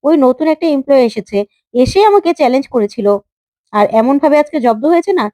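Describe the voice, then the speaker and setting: A sharp-tongued young boss lady, quick to scold and full of herself, as a woman narrator puts her on. Her voice sits high and she speaks indignantly. The sound is close and dry. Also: lively intonation, no echo. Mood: smug.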